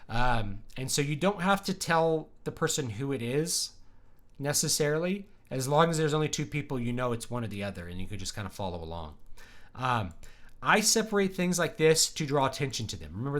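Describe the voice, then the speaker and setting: A man giving a casual live-stream writing lesson, thinking aloud and stating his opinions plainly. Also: medium pitch.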